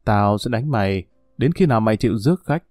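Brief: man voicing a brutal pimp, cold threats, dark mellow tone, dry close sound. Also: lowish voice, animated, fast talker, dry recording, soft background music, lightly acted. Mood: menacing. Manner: harsh, threatening, contemptuous.

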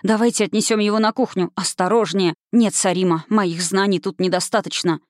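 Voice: medium pitch, fairly even intonation, fairly quick, dry recording, clean studio sound, natural voice. An audiobook reader voicing a stern young woman who answers curtly. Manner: sharp, curt replies.

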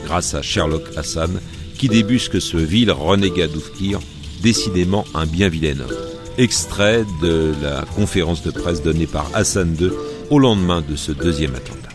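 A man's voice: sits low, normal speed, music in the background. A man narrating a radio history program from a script, with wry, ironic commentary.

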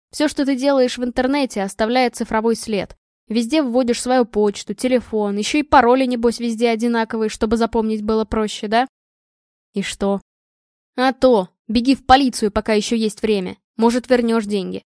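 A woman reading the part of a calm, sardonic young man who lectures his friend. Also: on the high side, no room sound, lightly acted. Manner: unhurried and dry.

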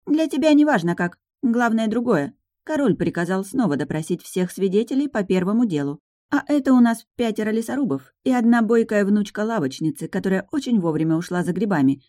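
A woman's voice: medium pitch, lively intonation, fairly quick, mellow, dry recording, voice pushed up, lightly acted. A woman voicing a small sardonic male dragon familiar who teases and lectures. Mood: teasing. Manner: teasing, dry, lecturing. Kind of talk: audiobook narration.

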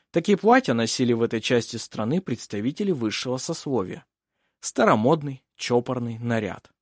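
A man reading an audiobook in an expressive narration style. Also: mid-range voice, dry recording, clean studio sound. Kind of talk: scripted narration.

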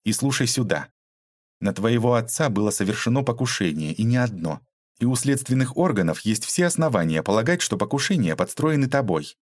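Man doing a sharp, mocking woman detective. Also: medium pitch, lively intonation, fairly quick, no echo, studio quality, close to an everyday voice. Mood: stern. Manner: mocking, cold, lecturing. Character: tough, ironic young woman detective.

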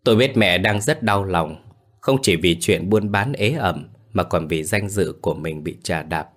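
A man narrating a ghost story in a somber, measured way. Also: low-pitched.

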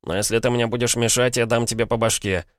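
A man's voice: mid-range voice, quick pace, dry recording, pitched above the performer's own voice, natural voice. Man reading a cool, cheeky schoolboy. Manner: calm, dry, mocking. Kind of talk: audiobook character reading.

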